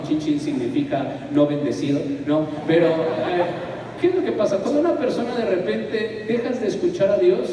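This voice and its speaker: A man preaching a sermon, lively and conversational, full of rhetorical questions. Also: sits high, slight background noise. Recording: echoey hall from far off.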